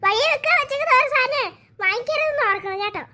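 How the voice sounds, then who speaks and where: A high-voiced performer voicing a worried, scolding mother in a cartoon. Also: expressive, quick pace, bright, forceful tone, exaggerated voice.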